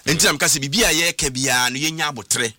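Bright-toned Ghanaian sports pundit. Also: male voice, fairly high pitch, very fast, no echo, soft background music. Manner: emphatic, mixing languages, repeats points. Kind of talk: casual sports talk.

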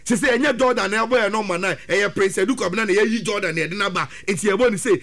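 A football pundit with a Ghanaian accent delivers animated analysis, mixing Twi and English. He's excitable and rapid, breaking into quick bursts that rise to a high pitch.

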